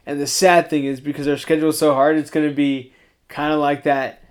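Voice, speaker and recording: A man's voice: fairly high pitch, level tone, brisk, clear, resonant tone. A young man co-hosting a podcast, chatting casually late at night and laughing easily. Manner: chuckling, easygoing. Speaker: podcast co-host.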